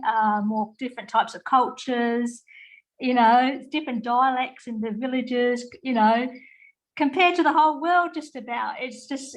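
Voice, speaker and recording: Aussie woman with a bit of english twang, chatty guest on a video call, rambles, slightly high voice. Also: low-quality recording. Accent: Australian with a slight English twang. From Australia. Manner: warm, chatty, with rambling asides and fillers. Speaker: guest speaker. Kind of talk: informal spoken talk.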